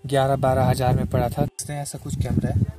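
A man's voice: medium pitch, flat delivery, fairly quick, loud music behind the voice. Young man vlogging outdoors, distant camera audio. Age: young adult. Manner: rambling, many filler words. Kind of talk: casual chat. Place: outdoors on a hillside by a motorbike. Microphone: camera held by a helper a few steps away.

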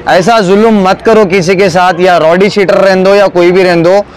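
Hyderabadi man, high voice, earnest eyewitness in a street interview. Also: fairly even intonation, moderate pace, slight background noise. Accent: Hyderabadi Hindustani. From Hyderabad, India. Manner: earnest, pleading.

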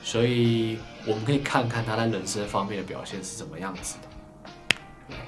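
A man with a Taiwanese Mandarin accent, hosting a casual gadget unboxing review, chatty and full of drawn-out particles, recorded on a camera microphone. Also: lowish voice. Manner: chatty, lots of drawn-out sentence-final particles. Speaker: tech reviewer host. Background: background music.

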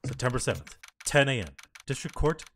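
A man hosting a casual let's play, playful and jokey, with a lively voice. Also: medium pitch, brisk, slight background noise. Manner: playful, jokey, reads lines aloud.

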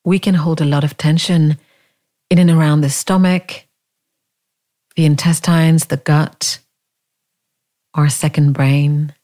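In a low voice, a woman leads listeners through a body scan meditation, unhurried, calm and gentle, letting long silences fall between her words.

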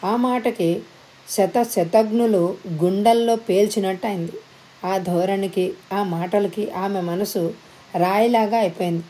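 Woman, audiobook narrator, storybook narration, measured dramatic phrasing, mellow tone. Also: mid-range voice, low-quality recording.

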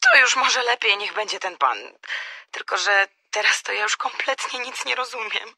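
A woman's voice: medium pitch, normal speed, bright, forceful tone, slightly rough, no echo, heavily acted. An actress playing a confused, fed-up woman friend in a radio drama. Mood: exasperated. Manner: exasperated.

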